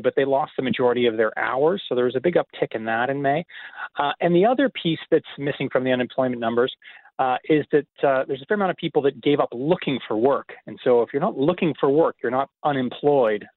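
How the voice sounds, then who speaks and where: A man, an economist guest, answering radio interview questions in a measured, explanatory way with many filler pauses. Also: medium pitch, no echo. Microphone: phone call. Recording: tinny phone line.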